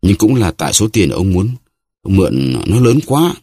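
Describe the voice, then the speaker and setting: A man's voice: sits low, big pitch swings, moderate pace, warm tone, breathy edge, no echo, studio quality, exaggerated voice. A man voicing a jealous, reproachful lawyer's wife who pleads and sighs in a novel reading. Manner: pleading, sighing.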